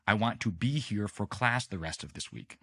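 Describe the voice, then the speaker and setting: A man in his late thirties, a podcast guest telling stories in a relaxed, unhurried way with many restarts. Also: lowish voice. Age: late 30s. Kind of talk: casual storytelling interview.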